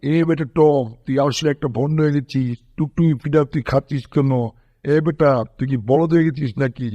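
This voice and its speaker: A man's voice: fairly high pitch, steady tone, moderate pace, dark tone, dry recording, muffled recording, natural voice. A man voicing a bossy male bulldog in a cartoon dub, who scolds the cat and coos over a baby. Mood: scolding. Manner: scolding, then cooing baby talk.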